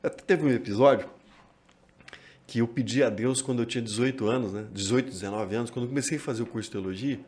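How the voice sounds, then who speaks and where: A Brazilian pastor, telling a travel story as a podcast guest. He is a lively storyteller who acts out quoted dialogue. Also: mid-range voice, fast talker. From Minas Gerais, Brazil. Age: 50s.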